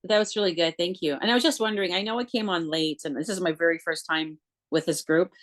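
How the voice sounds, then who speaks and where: A woman's voice: fairly low pitch, quick pace, a bit bright. A woman from Canada, the parent of a deafblind teenager, telling her story on a video call with candid, rambling phrasing and many "like" fillers. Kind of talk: online group discussion.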